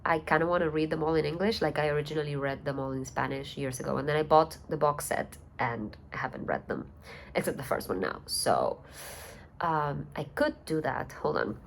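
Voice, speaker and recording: A young woman chatting casually in a book vlog at home, thinking aloud and rambling with soft laughs. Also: sits low, brisk, gravelly, slight background noise. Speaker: book vlogger. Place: at home at night.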